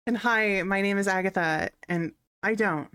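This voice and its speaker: A woman's voice: medium pitch, moderate pace, a bit bright, a little hiss or hum. Giggly, laid-back woman podcast co-host. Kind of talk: casual chat.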